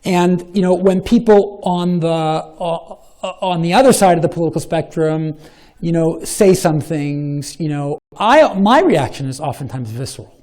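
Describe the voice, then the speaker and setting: A man with a Boston accent giving a live public talk and answering audience questions, animated and long-winded, with a self-deprecating streak. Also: fairly high pitch, moderate pace. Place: lecture hall with an audience.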